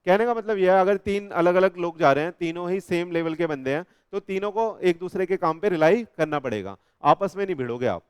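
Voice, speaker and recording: A man teaching a classroom lecture, often checking whether his students follow and reading definitions slowly, word by word. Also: sits high, clean tone, dry recording, studio quality. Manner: talks straight to students, asks if they follow, reads definitions slowly.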